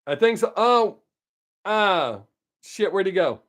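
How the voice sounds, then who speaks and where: A late-fifties man with a high, expressive, slightly bright voice speaks at a slow pace. He's the host of a laid-back livestream, upbeat as he chats with viewers and names them in his replies.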